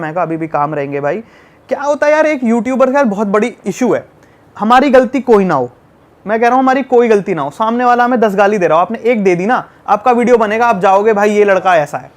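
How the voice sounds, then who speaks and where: A young man from Delhi, appearing as a podcast guest, tells a story during a casual chat. His voice is high for a man, and his delivery is animated and emphatic, with words repeated for effect.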